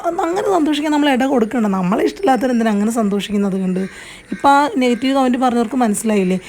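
A woman's voice: a little high, darkish tone, a little hiss or hum. A woman giving earnest, consoling advice straight to the camera, repeating herself and restarting often. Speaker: vlogger. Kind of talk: direct-to-camera advice monologue.

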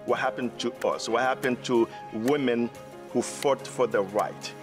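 A man's voice: medium pitch, fairly even intonation, measured pace, over music. A middle-aged man from Haiti with a Haitian accent, a theater director speaking earnestly in an interview, with many restarts. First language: Haitian Creole. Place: indoor theater seating.

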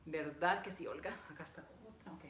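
A young adult male vlogger with a fairly high, slightly bright voice talks a little fast as he assembles furniture in his living room during a livestream. He chats casually and repetitively with viewers, reading out greetings and repeating phrases. The camera sits a few feet away, and the echoey room brings noise and clicks.

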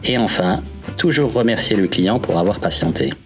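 Guy doing scripted training voiceover, fairly deep, faint music in back. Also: expressive, normal speed. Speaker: instructional narrator.

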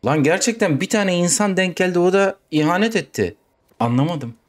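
Jumpy man with a lively pitch. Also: normal speed. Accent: Turkish. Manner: jumpy, swearing, talks to himself and the game. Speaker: gaming YouTuber. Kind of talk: horror game let's play commentary.

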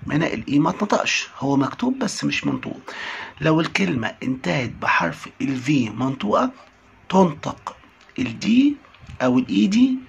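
Lively gravelly Egyptian man teaching. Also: a little high, dull audio, slight background noise. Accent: Egyptian Arabic. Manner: drills words by repeating them slowly. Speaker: English teacher. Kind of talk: classroom lesson recording.

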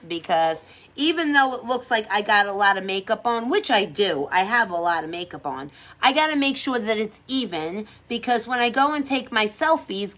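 A woman's voice: fairly high pitch, fairly bright tone. A middle-aged woman from New York with a New York accent, hosting a casual livestream chat while doing her makeup, brash and chatty and often repeating herself. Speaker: livestream host.

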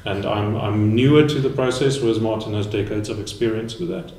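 Thirties male panel guest, candid and relaxed, set back from an echoey mic. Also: fairly low pitch, fairly quick, slight background noise. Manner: frank, casual, laughs easily. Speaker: guest photographer. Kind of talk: live panel discussion. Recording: roomy echo, distant mic.

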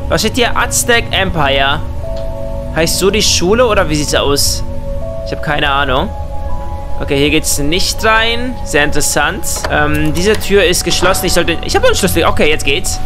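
A young man doing excitable Let's Play commentary, full of exclamations and questions and sprinkled with English slang. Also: high voice. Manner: mixes English slang into German. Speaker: gaming YouTuber.

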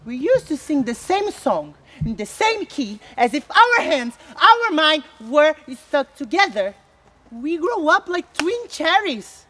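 A woman's voice: sits high, big pitch swings, a bit bright, exaggerated voice. An actress playing Helena, a tall, jealous young woman who pleads and reproaches in outdoor stage acting. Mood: reproachful. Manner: pleading, reproachful, quick to take offence. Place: outdoor landscape performance.

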